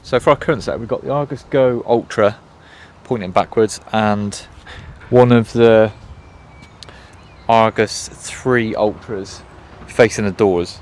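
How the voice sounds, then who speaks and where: A man's voice: fairly low pitch, a little mellow, slight background noise. A man casually reviewing a camera on his boat, easygoing and thinking aloud as he goes. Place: on and around a canal boat.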